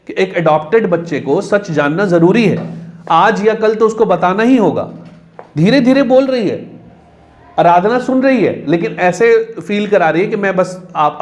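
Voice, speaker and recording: High-voiced man teaching a story lesson. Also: animated. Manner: reads English lines slowly, then explains in casual Hindi, acting out characters' lines. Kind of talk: Hindi-English lesson explaining a story.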